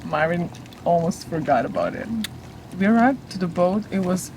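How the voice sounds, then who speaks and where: A woman's voice: fairly low pitch, animated, moderate pace, a little mellow. A woman in her thirties with a continental European accent, chatting casually for a sailing vlog. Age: 30s. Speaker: sailing vlogger. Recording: noisy on-board boat recording.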